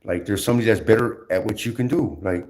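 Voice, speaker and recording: A man ranting casually on his livestream, rambling and repetitive, with lots of slang, swearing and halting restarts. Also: lowish voice, darkish tone.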